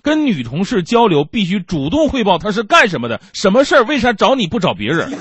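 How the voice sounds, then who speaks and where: A man hosting a stand-up comedy show tells animated stories with playful self-mockery, acting out the quotes of the people in them. He has a high-pitched voice and talks fast, with background noise present.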